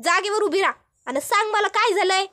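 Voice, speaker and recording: Here is a woman acting as a flustered village mother from a retold serial. She scolds in a very high, shrill voice, full of rustic calls and pleas to stop. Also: a little fast, sharp tone. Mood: alarmed.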